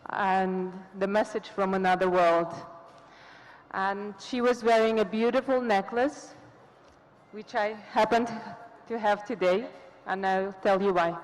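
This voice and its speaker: A woman from Kazakhstan telling a personal story on a conference panel, reflective and hesitant. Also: mid-range voice. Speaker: panel speaker. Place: conference hall stage. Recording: long reverb of a large hall.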